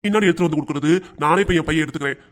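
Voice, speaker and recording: A man's voice: fairly high pitch, racing, close to an everyday voice. A man voicing a weary cartoon dad. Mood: pleading. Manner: soft, pleading and defensive. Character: weary, patient middle-aged father and husband. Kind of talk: cartoon voice acting.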